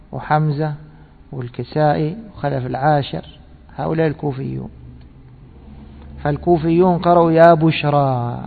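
A man's voice: fairly high pitch, vocal fry. A man giving a scripture commentary lesson. He reads a text aloud, explains it, and quizzes his listeners with rhetorical questions. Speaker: religious teacher. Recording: tinny echoey hall recording.

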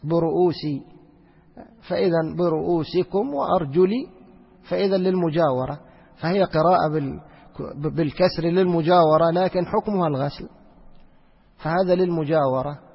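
Husky man teaching in a reverberant hall. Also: on the high side. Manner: explains by asking questions and answering them himself; repeats phrases, slows down to recite verses. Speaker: teacher of Quranic exegesis. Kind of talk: religious lesson. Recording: lo-fi recording with long hall reverb.

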